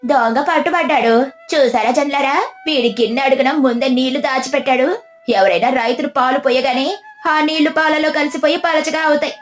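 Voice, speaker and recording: A woman's voice: a little high, steady tone, normal speed, faint music behind, close to an everyday voice. A woman voicing a clever young farmer's wife who speaks politely but firmly. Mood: stern. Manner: polite but firm, turning stern.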